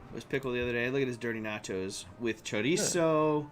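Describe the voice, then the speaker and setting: A man's voice: mid-range voice, quick pace. A man hosting a casual live stream, rambling with many fillers and restarts. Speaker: streamer host.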